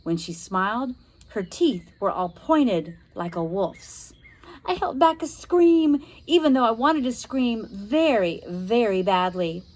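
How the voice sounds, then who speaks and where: A woman with a slightly high voice reads a spooky children's novel aloud, narrating dramatically. Her phrasing is expressive, suspenseful, and deliberate.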